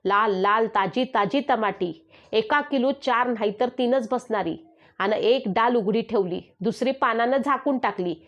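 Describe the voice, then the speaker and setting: A woman with a somewhat high voice reads a village story aloud, lifting her tone to voice market sellers and family members. The recording sounds dull and lo-fi, with the top end muffled. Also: measured pace. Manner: voices villagers with raised calls and dialect. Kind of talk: reading a Marathi rural story aloud.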